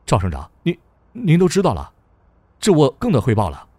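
A man's voice: medium pitch, wildly swooping pitch, fairly quick, darkish tone, husky, no echo. A man voicing a frightened male company boss who stammers and pleads with a tearful tone. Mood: pleading. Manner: stammering, near tears.

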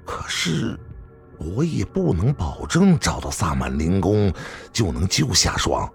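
A man voicing a troubled young man who speaks low and hesitantly. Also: sing-song, slow pace, creaky, soft background music, heavily acted.

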